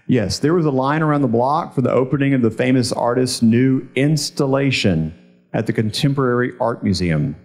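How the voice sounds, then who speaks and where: A man's voice: mid-range voice, moderate pace, darkish tone. A middle-aged man at a podium microphone, formally reading out words, definitions and sentences with careful enunciation as a spelling bee pronouncer. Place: large indoor event hall. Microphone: podium microphone on a stand.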